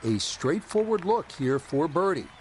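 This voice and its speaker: A man's voice: fairly high pitch, very animated, a little slow. A man voicing a composed play-by-play golf commentator in a video game broadcast. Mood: composed, approving. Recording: game music and crowd noise behind. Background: music and crowd.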